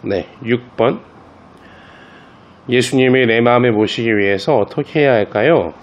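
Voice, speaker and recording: A man gives a children's catechism class as their priest, easing into a story and speaking straight to the kids. His voice sits at an ordinary pitch for a man. The recording sounds a little dull and lo-fi. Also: moderate pace. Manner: relaxed storytelling, talks directly to the children.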